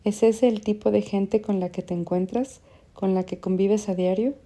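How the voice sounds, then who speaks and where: Blunt frustrated young guy pushing with questions, woman reading him, dark low-key voice, audiobook. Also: flat delivery, moderate pace, natural voice. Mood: accusing. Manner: insistent, questioning.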